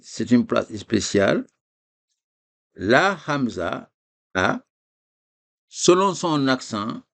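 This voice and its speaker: Slow, lively-voiced man teaching Arabic letters. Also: medium pitch, vocal fry. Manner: slow, repeats syllables for students to echo; addresses listeners as "les gars". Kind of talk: screen-shared lesson.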